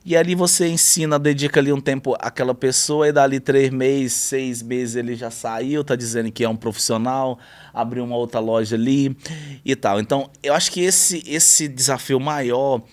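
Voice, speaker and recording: A man talks about his car wrap shop in a relaxed interview chat. His voice sits in an ordinary middle pitch. He tells customer stories in a lively, animated way. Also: normal speed. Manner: storytelling, animated when telling anecdotes.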